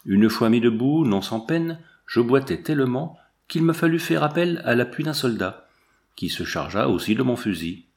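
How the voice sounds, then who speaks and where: Homme au débit posé, narration de livre audio. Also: male voice, medium pitch, lively intonation, moderate pace, vocal fry, a little mellow. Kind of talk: scripted narration of a memoir.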